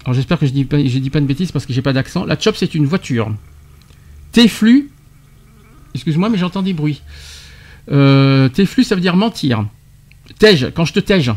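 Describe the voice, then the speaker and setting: Un animateur de radio qui interroge son invité en expliquant de l'argot, avec entrain et des rires. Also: male voice, fairly high pitch, expressive, normal speed, pauses often, a little mellow. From France. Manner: quizzing, explaining slang terms with laughs. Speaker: radio show host. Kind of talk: radio debate segment.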